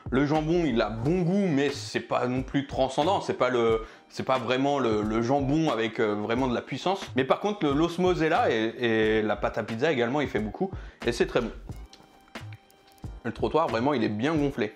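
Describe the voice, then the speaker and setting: A man's voice: medium pitch, normal speed, faint music behind. A man reviewing pizzas for his food vlog, chatting casually and joking while he eats. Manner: chatty, jokey, eating while talking. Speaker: food vlogger.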